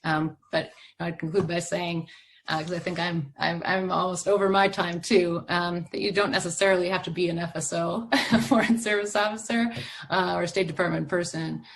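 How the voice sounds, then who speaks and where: A woman's voice: lowish voice, steady tone, moderate pace, slight background noise. A woman speaking as a panelist on diplomacy, thoughtful and full of fillers. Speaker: panelist, foreign service officer. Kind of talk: panel talk.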